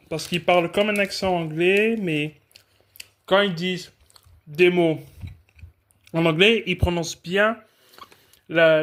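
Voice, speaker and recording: Man from France, casual tasting vlog, slightly high voice, talkative, restarts sentences. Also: fairly bright tone, a little hiss or hum. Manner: rambling, chatty, frequent self-corrections. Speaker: food vlogger.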